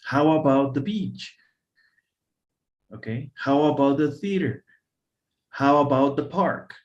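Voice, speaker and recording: A man's voice: mid-range voice, slow pace, lo-fi sound. A man tutoring English one-on-one over a video call, explaining grammar patiently and repeating examples.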